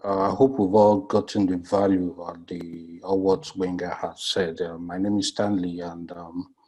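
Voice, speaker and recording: A man joining a video call as a guest speaker, talking haltingly with many fillers. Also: low voice, level tone, dark tone.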